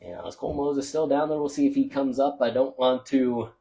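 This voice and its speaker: Loud and chatty, a man working as a local radio sports broadcaster wraps up the game's scores and stats from a football press box, leaning on lots of "uh" fillers. The pitch is medium, the intonation fairly even, and the delivery a little fast.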